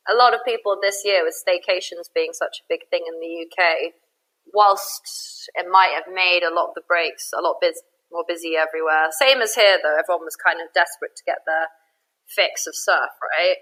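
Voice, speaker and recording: Bright eager woman from greece, chatty podcast guest, slightly low voice. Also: rough recording. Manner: enthusiastic, chatty, full of fillers. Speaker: guest, surf retreat organiser. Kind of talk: casual interview chat.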